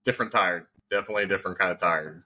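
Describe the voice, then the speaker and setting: Very deep-voiced man in his thirties. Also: racing, breathy edge. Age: 30s. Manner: relaxed, joking, hesitant with ums. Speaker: guest. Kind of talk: casual conversation.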